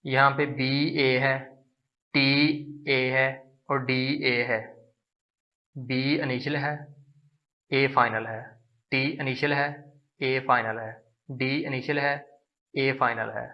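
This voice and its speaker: Man, language teacher, slow pace, flat even delivery, repeats syllables, muffled lo-fi recording. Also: mid-range voice. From Pakistan. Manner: patient, repeats syllables with drawn-out demonstration. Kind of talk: slow explanatory lesson.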